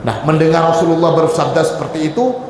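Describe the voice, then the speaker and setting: A man's voice: fairly high pitch, steady tone, fast talker, darkish tone, slight background noise. A man teaching a religious book-study lesson, reading Arabic phrases and then explaining them in casual everyday speech. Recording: echoey hall with faint ambience.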